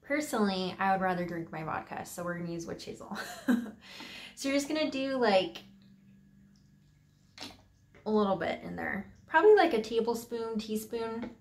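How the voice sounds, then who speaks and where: A woman's voice: medium pitch, lively intonation, normal speed, long pauses. A woman vlogger talking casually and upbeat through a DIY tutorial in her home office. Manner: chatty, upbeat, with fillers.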